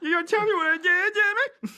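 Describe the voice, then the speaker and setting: Picture a cocky, crude man-child mocking his friend in a piercing, squeaking falsetto. during a goofy gaming podcast. It sounds tinny, sharp and over the top, full of taunts. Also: quick pace, full character voice. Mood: taunting, squeaky. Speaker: podcast co-host.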